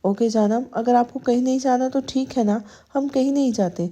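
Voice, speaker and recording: A woman's voice: on the high side, dark tone, close to an everyday voice. A woman voicing a possessive, stern young husband who turns coaxing, in a spoken storybook. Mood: pleading. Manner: firm, turning tender then sulky.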